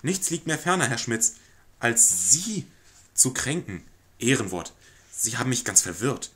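A man voicing a fretful, anxious middle-aged housewife who pleads in a high, over-eager way, reading a stage play aloud. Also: sing-song, a little slow, fairly bright tone. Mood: pleading.

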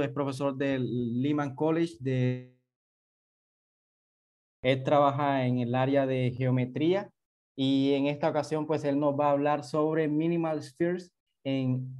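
A man's voice: mid-range voice, darkish tone. A man in his thirties gives a formal introduction as session host, speaking over a video call from indoors.

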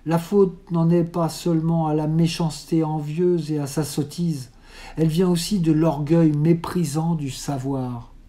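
An audiobook reader with a mellow, warm voice and middling pitch reads a classic novel aloud. The pace is measured and unhurried, the delivery literary and steady.

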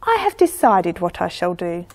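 A woman voicing a jealous, scheming king in a story told for children, bursting out in indignant shouts. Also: lowish voice, big pitch swings, normal speed. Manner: indignant, loud outbursts. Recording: echoey church hall.

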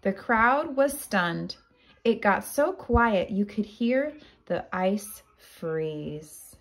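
A woman teacher with a medium-pitched voice reads a children's picture book aloud, storytelling in an expressive, deliberate way.

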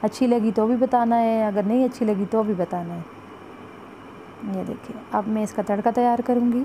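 A woman walks through a home recipe at her stove in an easygoing, chatty way. Her voice is mellow and soft-edged. The phone mic picks up a faint hiss of kitchen noise behind her. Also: on the high side, fairly even intonation, normal speed, rough recording. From Pakistan. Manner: chatty, repeats "jo hai" and "ye dekhein" while showing the pot. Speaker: cooking vlogger. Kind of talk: step-by-step cooking instructions.

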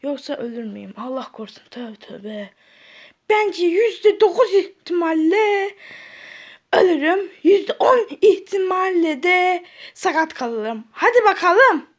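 A woman voicing Malsu, a squeaky goofy cartoon guy. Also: expressive, slow, full character voice. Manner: exclaims and shouts, swings between panic and giggles. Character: goofy, panicky male cartoon character. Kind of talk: cartoon voice acting.

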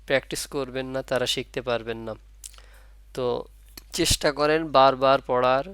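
A Bengali-speaking man with a mid-range, fairly bright and clean voice gives an online lesson on Arabic letters for reading the Quran. In a dry recording, he draws out each letter sound, repeats every point, and quizzes his pupils.

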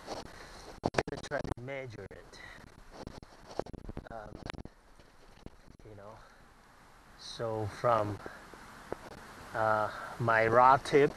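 A man filming himself fishing, talking in a halting way with many fillers and repeated words, recorded outdoors on a head-mounted camera. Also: fairly low pitch, noisy background. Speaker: angler filming his catch. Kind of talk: casual fishing vlog narration. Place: outdoors at a pond bank. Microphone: head-mounted action camera.

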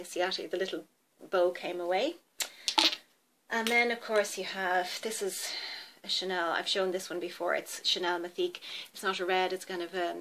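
A woman beauty vlogger talks casually to the camera in a somewhat low voice. She rambles a little and often stops to check product names. Faint background hiss sits under her voice. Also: a bit bright.

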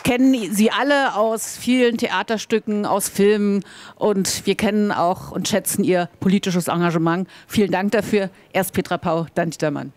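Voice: mid-range voice, steady tone, normal speed. An event host formally welcoming and introducing the next readers. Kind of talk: announcing speakers.

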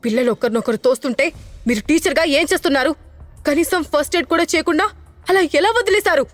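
A woman playing a fierce, protective mother in an audio story, higher voice, sharp and confrontational. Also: a little fast, no room sound, soft background music, natural voice. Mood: angry. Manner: anxious and confrontational. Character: protective, fiery young mother.

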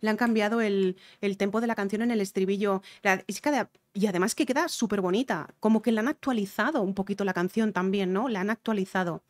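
A woman's voice: mid-range voice, quick pace, few pauses, slight background noise. A woman with a Spain Spanish accent, a vocal coach reacting to a music video and explaining singing technique, repeating her key points.

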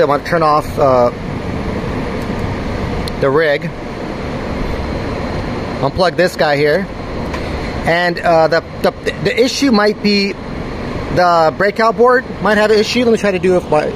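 Speaking a little slowly with long pauses, a man with a voice on the high side films a one-handed phone walkthrough of the mining farm he operates. He explains hardware problems and thinks aloud while handling machines in a large indoor server room. Heavy fan and AC hum runs under everything.

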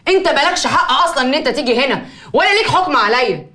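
A defiant wife of a village mayor, firing back in a high, quick voice. Her pitch leaps around as she argues. The voice sounds roomy. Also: expressive. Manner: sharp and defiant. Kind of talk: TV drama acting.

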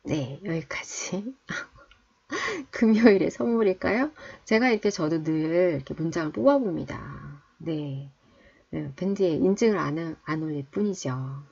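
A woman hosting a reading book club, explaining English idioms and repeating each phrase slowly and deliberately. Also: sits low, animated, gravelly, darkish tone, husky. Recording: dull lo-fi recording.

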